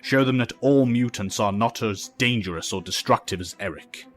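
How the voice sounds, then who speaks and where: An actor playing a calm, grave older professor mentoring young people, measured and authoritative, in an audio drama. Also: male voice, fairly low pitch, soft background music. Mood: resolute.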